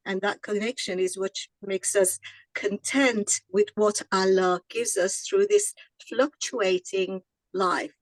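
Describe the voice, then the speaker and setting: A woman's voice: medium pitch, lively intonation, dry recording, rough recording. Thoughtful woman commenting, dry sound. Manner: measured, thoughtful, with fillers. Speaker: audience member commenting. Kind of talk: reflective comment in online Q&A.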